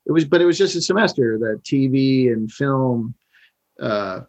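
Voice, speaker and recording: A man's voice: mid-range voice, animated, moderate pace, darkish tone. A middle-aged man talking easily as an interviewer, with fillers and a conversational tone. The recording sounds a bit dull and lo-fi. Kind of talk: casual interview chat.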